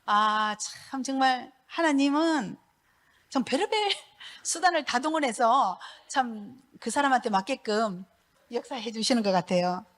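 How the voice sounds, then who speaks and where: Lively woman telling a church testimony. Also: fairly high pitch, a little slow. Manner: lively storytelling, laughing. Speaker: pastor's wife giving testimony.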